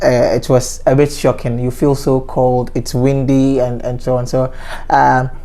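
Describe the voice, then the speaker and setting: A man from Ghana in his thirties hosting a casual interview, speaking in a measured way with frequent fillers and restarts. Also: medium pitch, flat delivery, warm tone. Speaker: interview host.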